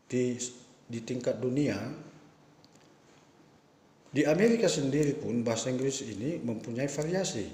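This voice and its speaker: A man's voice: medium pitch, a little mellow. A man giving a spoken lecture to teachers, emphatic and asking rhetorical questions. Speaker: professor giving a talk. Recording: echoey room with long reverb.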